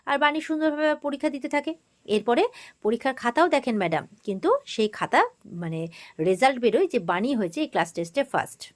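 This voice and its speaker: A woman's slightly high, expressive voice moves a little fast as she recaps a TV serial for her channel. She has a West Bengal accent and narrates in a chatty, informal way, breaking into quoted exchanges between characters.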